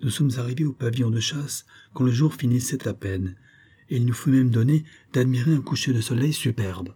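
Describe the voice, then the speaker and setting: A cunning suspect, voiced by a man reading aloud, protests his innocence in a theatrical, pleading way. The voice is husky and dark-toned, and his indignation is put on for show. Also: mid-range voice, a little fast, natural voice. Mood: evasive. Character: cunning male suspect feigning outraged innocence.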